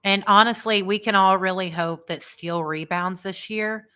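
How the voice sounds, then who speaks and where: A woman's voice: mid-range voice, steady tone, normal speed, sharp tone, smooth. An American woman talking casually as co-host of a live football fan show. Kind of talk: casual live sports chat.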